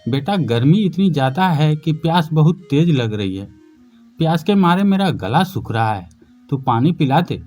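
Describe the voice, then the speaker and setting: A man voicing a patient, loving aging mother with a soft, tender manner in a narrated story. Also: a little high, expressive, normal speed, faint music behind, close to an everyday voice.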